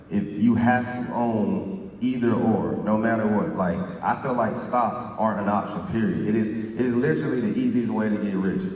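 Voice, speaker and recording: A man's voice: on the low side, a little mellow. A man in his twenties speaking to a live audience, boastful and slangy, often asking "you feel me?". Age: 20s. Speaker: guest speaker. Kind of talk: motivational talk to a live audience. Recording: echoey hall, far from mic, crowd noise.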